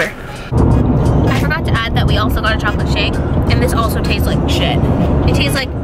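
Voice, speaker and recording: A young woman talks casually into a camera held at arm's length, her voice sitting a little high. She is blunt and sarcastic. Loud music plays under her. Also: poor audio. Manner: blunt, sarcastic food critique. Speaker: vlogger. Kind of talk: casual vlog narration. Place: in a car, then outdoors at a hotel.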